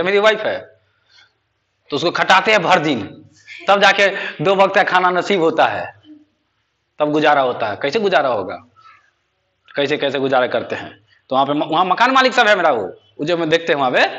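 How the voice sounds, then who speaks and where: A young male teacher with a Bihari Hindi accent, chatting with his class in a loose, teasing way. His voice sits high and sounds bright, and his pitch leaps around a lot as he jokes. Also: very animated, normal speed, pauses often, dull audio. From Bihar, India. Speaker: spoken English teacher. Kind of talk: casual classroom chat.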